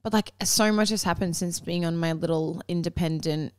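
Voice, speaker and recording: A woman chats loosely on a podcast, swearing and rambling. Her voice sits a little low. The sound is dry and close. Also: fairly even intonation, darkish tone, smooth, no echo. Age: 20s. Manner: chatty, swearing, quick laughs. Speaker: podcast co-host. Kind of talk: casual chat.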